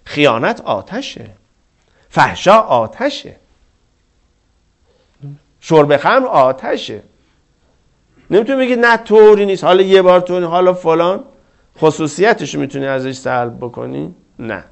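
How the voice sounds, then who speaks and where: A man's voice: fairly high pitch, expressive, gravelly, pauses often. A man preaching a religious sermon, asking rhetorical questions and quoting scripture with fervor.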